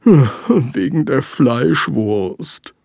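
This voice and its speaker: A reader voicing a gentle, bewildered male shelter dog in a children's story, puzzled and soft-spoken. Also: medium pitch, very animated, extremely slow, vocal fry, husky, no room sound, studio quality, heavily acted. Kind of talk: storybook character voice.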